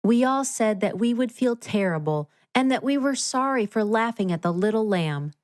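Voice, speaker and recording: A woman with a somewhat high voice narrates a children's storybook. She reads in an expressive read-aloud manner from a script. The sound is dry, with very little room in it. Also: moderate pace, dry recording.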